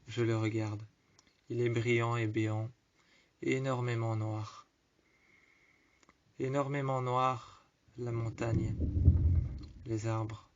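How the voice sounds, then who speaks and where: A man telling a story in the first person, slowly repeating and rephrasing each phrase. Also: mid-range voice, level tone. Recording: slightly muffled lo-fi recording.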